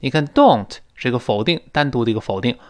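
A man with a Mandarin Chinese accent teaching a spoken English lesson, patiently explaining and slowly modelling phrases for students to repeat. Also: medium pitch, expressive.

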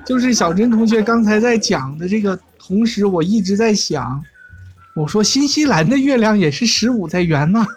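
A woman's voice: mid-range voice, expressive, moderate pace, a little mellow, husky. A woman hosting a live chat show in a casual, chatty and giggly way. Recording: music bed behind the voice.

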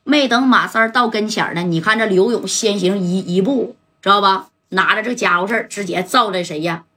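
Bright husky storyteller woman. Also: medium pitch, brisk. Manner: chatty asides to the listener. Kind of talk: colloquial crime storytelling.

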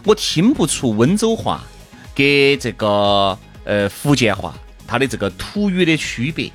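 A man with a mid-pitched voice, whose intonation rises and falls expressively. He tells wry, laid-back stories with soft music in the background. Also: sing-song, a little slow. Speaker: podcast co-host. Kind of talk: casual comedic chat.

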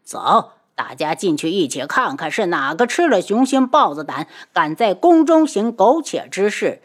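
A man's voice: sits high, very animated, normal speed, fairly bright tone, exaggerated voice. A woman doing a sneering, arrogant prince. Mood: imperious. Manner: sneering, imperious.

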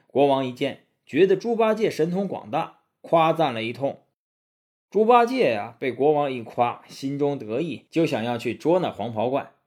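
A man narrating a classic tale as a storybook for children, in a lively, expressive way. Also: mid-range voice, moderate pace.

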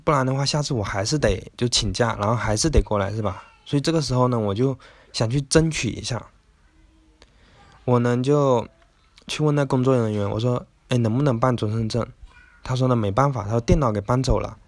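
A man's voice: medium pitch, fairly quick, no room sound. A man hosting a casual self-help talk, chatty and rambling, with lots of little filler words. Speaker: podcast host.

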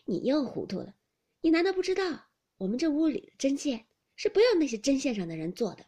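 A woman voicing a gentle, tactful young maid who coaxes and explains softly. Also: high voice, big pitch swings, brisk, pitched above the performer's own voice. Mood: coaxing.

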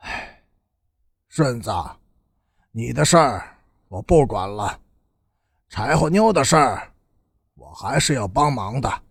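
A man reading a storybook voicing a stern, blunt young gang leader in a lowered, husky voice. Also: lively intonation, slow, pauses often, no room sound, clean studio sound, full character voice.

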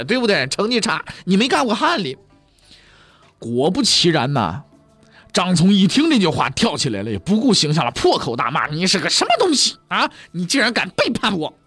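A man's voice: fairly high pitch, fairly bright tone. A man telling history in a comic pingshu storytelling style, full of jokey asides and rhetorical questions to his listeners.

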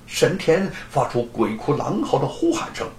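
A man's voice: fairly high pitch, huge pitch swings, moderate pace, darkish tone, a little hiss or hum. Dramatic male storyteller in an echoey room. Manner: dramatic, vivid phrasing. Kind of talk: traditional storytelling narration.

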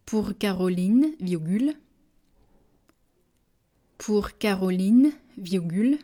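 Woman, dictation reader, very slow and measured, warm mellow tone, repeats each phrase. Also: animated. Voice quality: measured, deliberate, dropping low on punctuation words. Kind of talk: slow French dictation, each phrase read twice with punctuation spoken.

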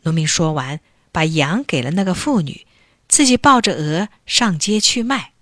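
A woman narrating a children's folk tale with an expressive storybook delivery. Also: on the low side, normal speed, no echo, clean studio sound.

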